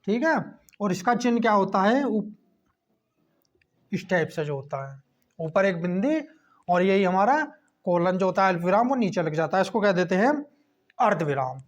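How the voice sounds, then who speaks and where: A man teaching a class lesson, checking in with a quick "okay" between points as he explains. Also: high voice, expressive. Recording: dull lo-fi recording.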